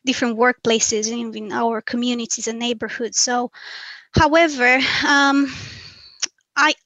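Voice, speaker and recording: A woman presents a webinar talk, her fairly high voice bright and held to a narrow, even tone. She sounds reflective and earnest, weighing each point as she goes, and the recording is dry and close. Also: measured pace, no room sound. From Romania. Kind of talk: academic presentation.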